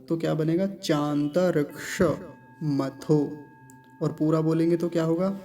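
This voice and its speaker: A man with a fairly high but mellow, soft-edged voice leads a recitation lesson. He breaks words into slow, deliberate syllables, then chants each line in an even, measured flow. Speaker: Sanskrit pronunciation teacher.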